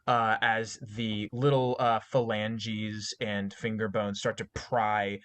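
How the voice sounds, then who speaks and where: Man, game master, tabletop narration, halting, many fillers, self-correcting. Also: on the low side, little pitch movement, a bit bright, smooth.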